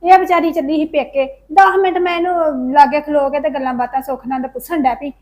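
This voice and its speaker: A woman's voice: high voice, fairly even intonation, fairly quick, a little mellow, lightly acted. A woman playing a meek, put-upon younger sister. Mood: complaining. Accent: Punjabi. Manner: complaining, pleading. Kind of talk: Punjabi family drama acting.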